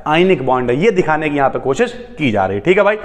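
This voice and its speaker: एक आदमी chemistry teacher, जो हल्के-फुल्के मज़ाकिया अंदाज़ में छात्रों को "भाई" कहकर समझाता है।. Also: male voice, a little high, very animated, quick pace. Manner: chatty, jokey, calls students brother. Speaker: chemistry teacher. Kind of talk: casual explaining lecture. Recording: long hall reverb.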